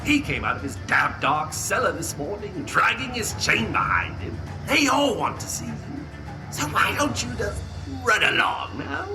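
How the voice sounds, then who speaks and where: A man's voice: wildly swooping pitch, normal speed, music in the background, heavily acted. An actor playing a gleeful, sadistic male clown villain who taunts and cackles theatrically in an audio drama. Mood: taunting. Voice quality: shrill cackling, theatrical, mocking.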